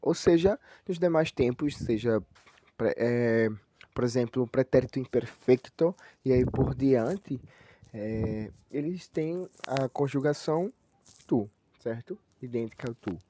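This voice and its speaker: A man teaching a grammar lesson online, explaining step by step, checking in with his listeners often, and reading example sentences slowly. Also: mid-range voice, dark tone, a little hiss or hum. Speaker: language teacher.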